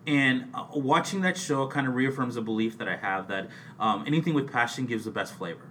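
A man's voice: medium pitch, animated, a little fast, fairly bright tone, distant mic. A man co-hosting a podcast in casual chat, rambling along with frequent restarts. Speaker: podcast co-host. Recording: off-mic with faint background hiss.

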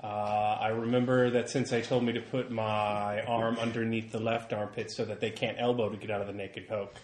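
A man playing a tabletop game, talking in a relaxed way with dry humor. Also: on the low side, normal speed, echoey room, slight background noise. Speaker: player. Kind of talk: casual play talk.

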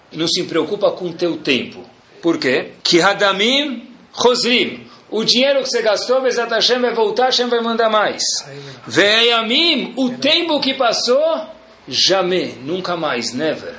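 A rabbi with a Brazilian Portuguese accent gives a Torah class, a religious lecture with storytelling. His slightly high voice is bright and forceful, and he speaks emphatically and colloquially, asking rhetorical questions and repeating key phrases.

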